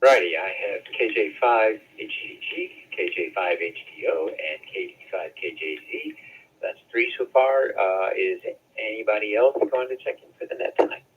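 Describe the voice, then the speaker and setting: Husky man over a staticky radio. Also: on the low side, animated. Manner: halting, with fillers and self-corrections. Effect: heard over a two-way radio with static. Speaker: amateur radio net control operator. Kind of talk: reading a net script over the air. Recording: narrow-band radio transmission.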